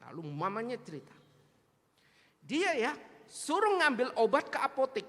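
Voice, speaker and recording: A man's voice: extremely high pitch, normal speed. A man with an East Javanese accent preaching a sermon, telling stories animatedly and speaking straight to the congregation. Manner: animated, mixes local slang, addresses congregation. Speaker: pastor. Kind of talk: storytelling sermon. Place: church sanctuary. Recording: long church-hall reverb.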